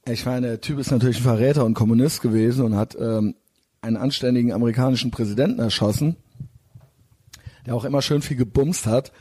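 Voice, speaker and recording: Husky, dark-voiced man telling a story. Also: medium pitch, quick pace. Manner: rambling, slangy retelling with fillers. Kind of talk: casual anecdote.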